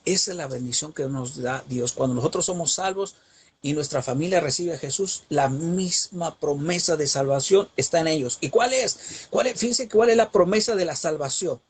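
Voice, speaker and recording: Delivering a Bible teaching at normal speed, a man with a fairly high, slightly husky voice preaches emphatically. He drives his points home with rhetorical questions and rising cadences.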